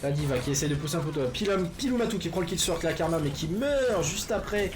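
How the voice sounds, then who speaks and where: A little high and expressive, this man's voice comes with a touch of hiss or hum. Casting a live esports game, he rambles casually, leaning on fillers and fixing slips almost as soon as he makes them.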